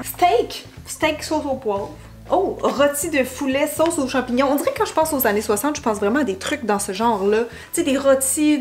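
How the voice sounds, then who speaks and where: A woman's voice: high voice, a little hiss or hum. A woman with a Québécois accent hosting a casual vlog, bubbly and slipping English words into her French. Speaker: vlogger host.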